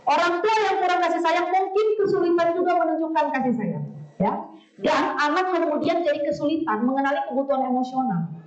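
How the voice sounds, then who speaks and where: A woman, giving a lively, blunt talk with humour to a women's study group. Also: sits high, brisk. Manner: blunt, animated, acts out quoted voices, laughs often. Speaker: speaker at a women's study session. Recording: echoey far-off dull sound.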